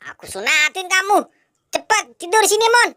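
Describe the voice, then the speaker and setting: A performer voicing a cheeky, hot-tempered boy hero in a clown skit, scolding in a squeaky voice. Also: expressive, moderate pace, sharp tone, dry recording, studio quality, heavily acted. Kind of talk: costumed clown skit voice-over.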